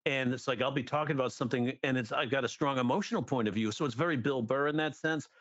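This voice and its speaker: A middle-aged man, a guest comedy writer and teacher, in casual podcast chat, lively and acting out jokes as he explains them. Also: mid-range voice, fast, dry recording, muffled recording. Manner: animated, acts out jokes and quotes.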